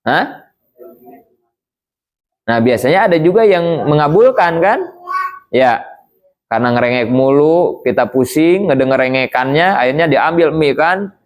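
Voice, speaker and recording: A man's voice: fairly high pitch, expressive, measured pace, long pauses, lo-fi sound. A man teaching an Islamic creed lesson to young students in a conversational way, often putting questions to his listeners. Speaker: religious teacher.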